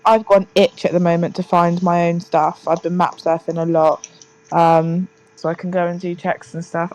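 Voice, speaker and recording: Lower-voiced chatty woman. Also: flat delivery, moderate pace, darkish tone, low-quality recording. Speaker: podcast co-host. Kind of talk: casual chat.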